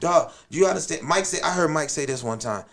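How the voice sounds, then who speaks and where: A man in his thirties with a slightly high, gravelly voice tells a story on a podcast. He acts out the quotes, dropping into hushed, soft voices and then bursting out loud. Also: expressive, a little fast, over a noisy crowd. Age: 30s. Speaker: podcast guest. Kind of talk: animated storytelling.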